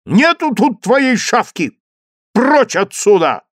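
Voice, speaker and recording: A man voicing a defiant young village boy who shouts in desperation. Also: extremely high pitch, very animated, slow pace, no echo, clean studio sound, pitched above the performer's own voice, full character voice.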